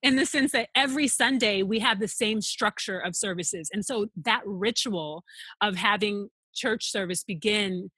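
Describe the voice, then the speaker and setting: A woman talks as a podcast guest, earnest and reflective, her thoughts running on in long lists. Her voice is bright, and the recording is close and dry. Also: mid-range voice, moderate pace, husky, no echo. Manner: earnest, speaks in flowing lists. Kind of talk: reflective interview answers.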